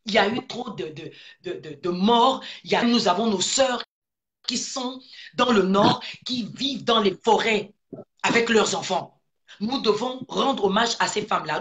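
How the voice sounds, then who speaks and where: Une femme originaire du Gabon qui prononce un discours politique passionné, martèle ses phrases et enchaîne les questions rhétoriques. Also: female voice, medium pitch, fairly bright tone. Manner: emphatic, repeats phrases, rhetorical questions. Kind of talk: impassioned political speech.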